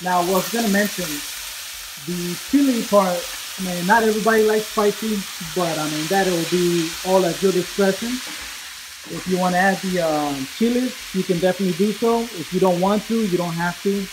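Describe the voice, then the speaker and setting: A man hosting a casual cooking demonstration, explaining each step in a relaxed way with many ums and uhs. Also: high-pitched, noisy background. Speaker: cooking video host.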